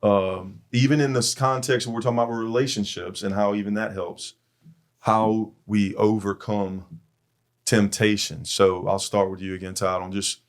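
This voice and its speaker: A man's voice: fairly low pitch, steady tone, normal speed. A middle-aged man hosting a church men's podcast, telling stories in an earnest, heartfelt way. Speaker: podcast host.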